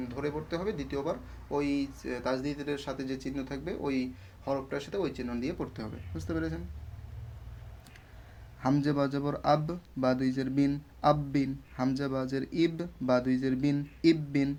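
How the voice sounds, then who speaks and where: A man's voice: medium pitch, a little mellow. A male teacher giving a patient Quran reading lesson, spelling out syllables one by one and often checking that the learners follow. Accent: Bangladeshi Bengali. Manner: slow syllable-by-syllable drilling, repeated check-in questions.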